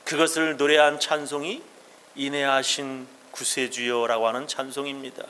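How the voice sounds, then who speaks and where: A man's voice: mid-range voice, flat delivery, moderate pace, sharp tone, in a large hall, slight background noise. A male pastor giving a sermon, telling the story emphatically and acting out the quoted lines.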